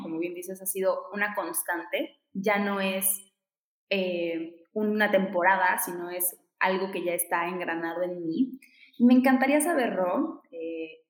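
A woman from Veracruz with a Mexican Spanish accent, hosting a podcast in an upbeat, casual chat. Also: medium pitch. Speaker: podcast host. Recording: roomy echo.

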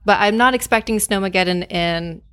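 A woman co-hosting a podcast, telling relaxed, cheerful stories in casual chat. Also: medium pitch, fairly quick, clear, resonant tone, no room sound, studio quality. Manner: relaxed, cheerful storytelling with soft laughs. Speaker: podcast co-host.

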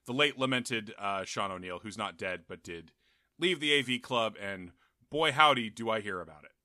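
A man's voice: fairly low pitch, expressive, normal speed, bright, forceful tone, no room sound, studio quality. A man co-hosting a podcast in casual chat, wry and rambling, with many fillers. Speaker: podcast co-host.

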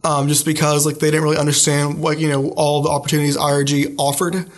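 A young adult student appears as a guest in a casual interview, his slightly high voice staying flat as he speaks haltingly. He fills pauses with little hesitations and fillers, often circling back to restart his thoughts.

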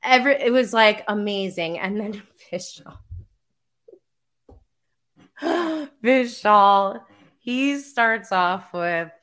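Slow-talking emotional young woman. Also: medium pitch, expressive, a bit bright. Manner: chatty and emotional, many fillers, laughs often. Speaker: podcast co-host recapping reality TV. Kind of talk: casual chat.

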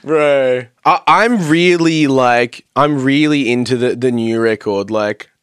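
A man's voice: medium pitch, takes it slowly, clear, resonant tone, no echo. Aussie guy rambling thru band stories, loads of swearing, dry sounding. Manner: animated storytelling, swearing freely, acting out quotes. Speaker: podcast guest, vocalist. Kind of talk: casual chat.

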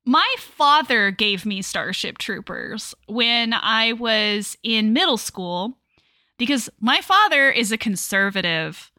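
A woman's voice: a little high, expressive, slow pace, bright, forceful tone, no echo. A woman co-hosting a casual film podcast, explaining at length and laughing often. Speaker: podcast co-host.

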